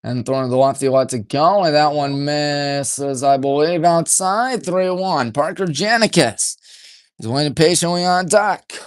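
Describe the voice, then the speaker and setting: A man doing play-by-play radio commentary for a high school baseball game from a press box, folksy and partisan, keeping his voice deliberately restrained. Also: no room sound, clean studio sound. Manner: folksy, chatty, partisan toward home team; deliberately restrained, hushed delivery.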